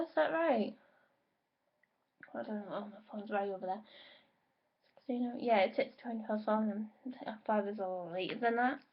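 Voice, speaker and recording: A woman's voice: medium pitch, breathy edge. A woman giving a casual makeup tutorial in a chatty way, with self-correcting asides and an occasional cough. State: coughing now and then. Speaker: makeup vlogger. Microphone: laptop microphone. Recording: dull lo-fi home recording.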